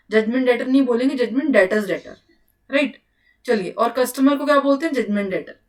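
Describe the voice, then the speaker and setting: A young woman teaching an exam-prep lesson, who keeps asking the class questions and answering them herself, with English terms mixed in. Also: a little high. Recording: voice a little far from the mic.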